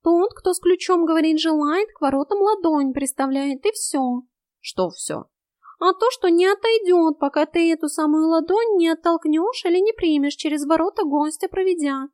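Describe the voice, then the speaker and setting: A woman's voice: very high voice, lively intonation, moderate pace, darkish tone, no echo, clean studio sound, voice pushed up. A woman voicing a grumpy, rude male house cat who scolds and carries on theatrically in a storybook. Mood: agitated.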